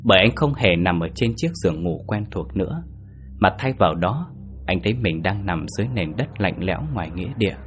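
A man narrating a horror story in a steady, measured storytelling voice. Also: deep voice, faint music behind.

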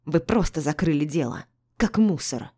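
A bitter middle-aged doctor from an audiobook snaps his lines with open contempt, as a woman reads him. The voice sits low and dark. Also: lively intonation, moderate pace. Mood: furious. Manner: harsh, snapping and contemptuous. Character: gruff embittered middle-aged male doctor.

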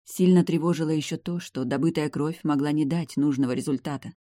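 A reader giving measured, scripted first-person narration of an audiobook. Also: mid-range voice, steady tone, dark tone, no echo, studio quality.

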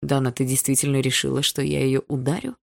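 A woman voicing a cold, menacing stepfather who speaks slowly and with icy calm. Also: rumbling low, gravelly, no echo, clean studio sound. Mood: insinuating. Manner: slow, icily calm, insinuating. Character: cold, menacing stepfather, middle-aged man. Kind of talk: audiobook character voicing.

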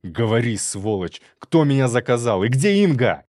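A man narrator voicing a fiery, quick-tempered businessman husband who barks gruff threats. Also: lowish voice, dry recording, studio quality. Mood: furious.

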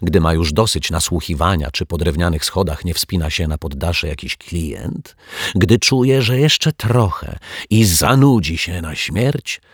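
A man reading a children's story aloud in an expressive, animated way. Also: deep voice, a little slow, husky, dry recording, studio quality.

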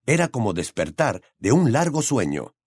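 A man narrates a novel in an expressive storytelling voice. His pitch moves in a lively, animated way. The recording is dry and close, with no room sound. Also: normal speed, husky, no room sound. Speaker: audiobook narrator. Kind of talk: audiobook narration.

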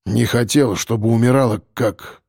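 A narrator puts on a stubborn bodyguard in a storybook reading, speaking low and clipped with a restrained edge. The voice is gravelly and husky and sounds close and dry. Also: male voice, moderate pace, a little mellow, dry recording. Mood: grim.

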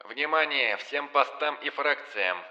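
A man voicing a commanding male amphibian sea-creature leader who barks clipped military orders over a radio-like loudspeaker announcement. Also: medium pitch, measured pace, pitched above the performer's own voice. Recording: dull lo-fi sound.

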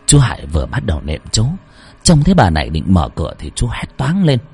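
Male horror narrator, low and husky, lively dramatic reading. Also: brisk. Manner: dramatic storytelling. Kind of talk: scripted horror story narration.

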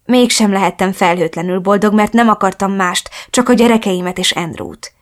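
A woman narrating a first-person romance novel in a soft, reflective reading voice. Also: medium pitch. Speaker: audiobook narrator.

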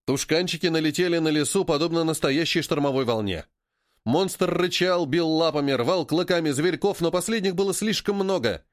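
A man's voice: a little high, moderate pace, dry recording, studio quality. A man narrating an audiobook and voicing its characters. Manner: lively, voicing many characters.

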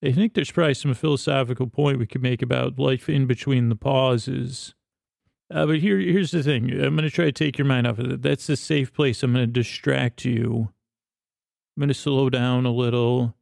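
A man hosting a sleep podcast in a slow, lulling, meandering monologue, full of pauses, restarts and self-corrections, with a creaky voice. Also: medium pitch, steady tone, darkish tone, dry recording, studio quality. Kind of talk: rambling bedtime monologue.

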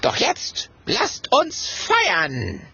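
A man voicing a loud, dramatic female castle ghost in a children's audiobook, shrieking and theatrical. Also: on the high side, wildly swooping pitch, measured pace, gravelly, husky, pitched above the performer's own voice, full character voice. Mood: hearty. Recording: dull audio with faint music.

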